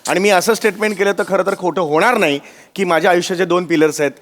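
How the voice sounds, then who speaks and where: A man's voice: high voice, quick pace, fairly bright tone. An actor playing a flustered male guest who protests and stumbles as an awkward host in a comedy sketch. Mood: earnest. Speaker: comic actor.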